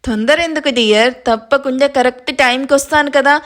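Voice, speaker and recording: A woman's voice: high-pitched, fairly quick, fairly bright tone. A woman reading the lines of a sly, scheming woman on a phone call in a storybook. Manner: sly, smug.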